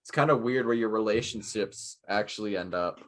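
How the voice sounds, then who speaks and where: A young man co-hosting a casual podcast, chatting in a rambling, self-mocking way and quick to joke. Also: lowish voice. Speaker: podcast co-host. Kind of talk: casual chat.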